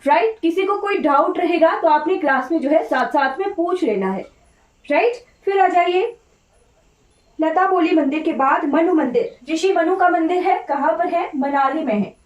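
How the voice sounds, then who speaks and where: Teaching an online exam-prep class, an Indian woman lectures informally in Hindi mixed with English terms, repeating key points and often asking "right?" to make sure students follow. Her high voice is slightly off today but has lively intonation at a moderate pace, and the lo-fi recording is echoey and distant-miked.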